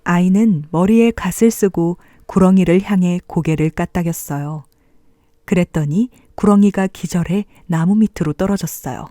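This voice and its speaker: A woman reads a bedtime fairy tale as if to a toddler. Her voice is very dark and soft-edged, with gentle, expressive storytelling, recorded dry and close. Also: on the low side, normal speed, no echo. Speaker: storybook narrator. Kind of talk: bedtime fairy tale narration for young children.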